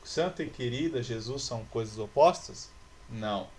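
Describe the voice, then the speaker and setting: A man's voice: medium pitch, normal speed, a little mellow. Brazilian guy teaching a lesson, patient, keeps checking w the class, faint background hiss. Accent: Brazilian Portuguese. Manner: patient, explanatory, often checks in with students. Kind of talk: classroom lesson, reading and explaining a poem.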